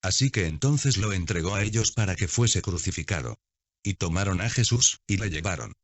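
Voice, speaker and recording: A low-pitched man reads scripture in a measured, unhurried narration. The recording is dry, with no room sound, and the sound is dull and lo-fi. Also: expressive, no room sound. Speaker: Bible reader.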